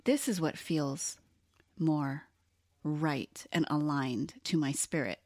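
Lively woman from Hawaii chatting. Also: low-pitched, takes it slowly, no room sound, studio quality. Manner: animated storyteller, acts out quoted voices. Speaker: podcast co-host. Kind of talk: casual chat.

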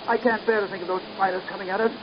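An actor playing a desperate captive hero who pleads and shouts frantically in a 1930s radio drama. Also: male voice, high voice, fairly even intonation, rapid-fire, muffled recording, lightly acted. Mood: pleading. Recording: scratchy 1930s radio recording.

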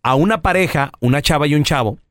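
A man with a Mexican accent hosting a radio show, telling a story with lively acted-out quotes. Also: fairly high pitch, fast, dry recording, clean studio sound. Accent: Mexican Spanish. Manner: animated storytelling, acting out quotes. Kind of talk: casual radio chat.

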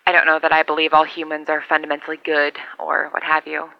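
A woman's voice: low voice, completely flat delivery, fast, vocal fry, dry recording. Woman doing a lonely survivor rambling over a walkie talkie, kinda dull lo-fi sound, dry. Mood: hopeful. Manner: rambling, self-deprecating, wry. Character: lonely wry woman survivor calling strangers by radio. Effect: transmitted over a two-way radio. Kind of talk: audio drama monologue.

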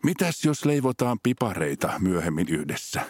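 A man's voice: on the low side, big pitch swings, darkish tone, dry recording, clean studio sound. A man voicing a busy, harried but kind father in a storybook. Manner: hurried, sighing. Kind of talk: storybook character voice.

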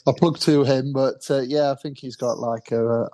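An English football fan chatting on a podcast, his voice mellow and warm with a flat, even delivery. He rambles and trips over repeated words, laughing easily as he talks. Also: mid-range voice, normal speed. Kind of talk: casual fan chat.

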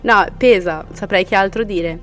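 A woman's voice: medium pitch, moderate pace, a bit bright, soft background music. A woman hosting a podcast, reading listener horror stories and reacting with laughs, sometimes sinking to a whisper for the eerie parts. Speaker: podcast host.

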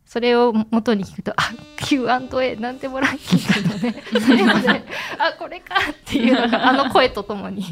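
Laughing, chatty woman hosting a podcast. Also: a little high. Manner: laughs often, chatty and quick to react. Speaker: podcast host. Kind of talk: casual chat.

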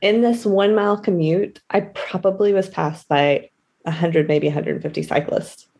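A woman's voice: lowish voice, fairly even intonation, moderate pace, a little mellow, muffled recording. A woman chatting casually as a podcast co-host, rambling through anecdotes. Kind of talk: casual chat.

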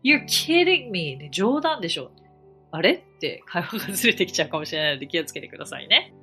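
A woman English teacher hosting a podcast lesson, repeating example words with animated emphasis. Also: deep voice, fast, faint music behind. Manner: animated, drilling example words with exaggerated repetition.

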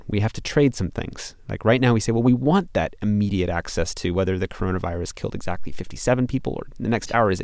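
A man with a lowish voice hosts the conversation and thinks aloud as he goes. He asks slow, reflective questions, and his voice sounds dry and close to the mic. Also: darkish tone, dry recording. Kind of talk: conversational interview.

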